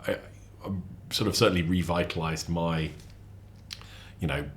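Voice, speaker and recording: Deep-voiced guy chatting on a podcast, jumps into funny voices when quoting people, bit of faint background hum. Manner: animated storyteller, acts out quotes with sudden high voices; halting restarts, repeats words. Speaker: podcast guest; lecturer. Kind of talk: casual chat.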